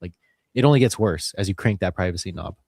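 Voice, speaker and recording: A man co-hosting a podcast, explaining ideas quickly and with enthusiasm. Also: low voice, creaky, a little mellow, no room sound, clean studio sound. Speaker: podcast co-host. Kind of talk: casual podcast discussion.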